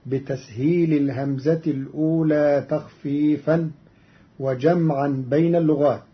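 A man giving a formal scholarly explanation of Quran readings in a measured, deliberate way, on a dull lo-fi recording. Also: fairly high pitch, steady tone. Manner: measured and deliberate, chanting quoted verses.

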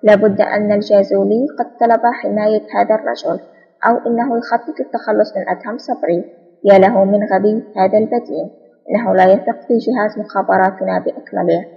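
A woman reading the lines of a scheming male spy chief villain in an audiobook, calm and mocking. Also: medium pitch, quick pace, gravelly, husky, big-room sound, highs cut off. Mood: scornful.

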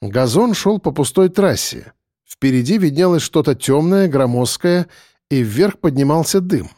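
A man reading an action audiobook in steady, measured scripted narration. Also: fairly high pitch, no room sound, studio quality.

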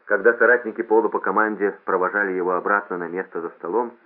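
A man reading a novel aloud in a steady, measured narration. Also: low voice. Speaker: audiobook reader. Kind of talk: scripted narration. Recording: lo-fi phone-like audio.

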